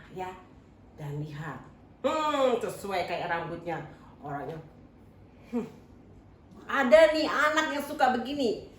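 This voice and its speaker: An animated woman tells young children a picture-book story in a church service, speaking slowly. Her fairly high voice swoops up and down. She sounds far from the microphone, in a roomy, echoing space with faint ambience behind her. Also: a little hiss or hum. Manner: animated, questions the children and answers herself.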